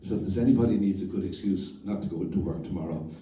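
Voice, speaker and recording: A man's voice: low-pitched, fast talker. Wry man telling stories in a roomy hall. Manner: wry storytelling between sung verses. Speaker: folksinger and humorist. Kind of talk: live concert with songs and stories. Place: library event room with an audience. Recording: roomy, mic at a distance, with guitar. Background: audience and guitar.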